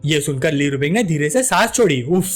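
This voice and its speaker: High, lively male story narrator. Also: a little fast, faint music behind. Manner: lively storyteller voicing every character himself. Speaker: manhwa recap narrator.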